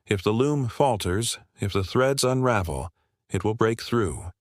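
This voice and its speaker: A man's voice: fairly low pitch, lively intonation, unhurried, no echo, clean studio sound. Grave, commanding elder sister voiced by a man. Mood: steady, heavy. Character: steady, stern, burdened eldest celestial sister, a woman.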